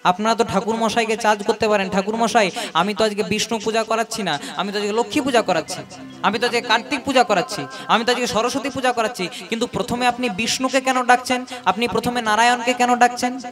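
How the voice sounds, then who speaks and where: A man's voice: very high voice, fairly even intonation, quick pace, music in the background. A man, a kirtan singer and preacher giving a devotional sermon, addressing listeners as mothers and fathers and posing rhetorical questions. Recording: live performance with loud instrument accompaniment. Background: devotional instruments playing.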